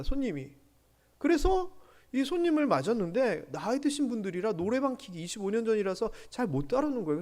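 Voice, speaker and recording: A man's voice: high voice, a little mellow. A man in his forties preaching a sermon in a church, telling stories with animation, asking the congregation questions and dropping to whispered asides. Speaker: pastor. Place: church sanctuary.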